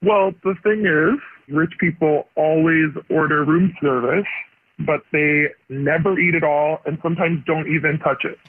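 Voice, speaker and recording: A woman's voice: low voice, steady tone, measured pace, a little hiss or hum. A woman calling in to a radio show with her voice disguised by a voice changer, talking casually and a little hesitantly, with lots of "like". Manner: casual, slightly hesitant, uses "like" often. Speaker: caller. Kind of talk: anonymous call-in confession. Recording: tinny phone line.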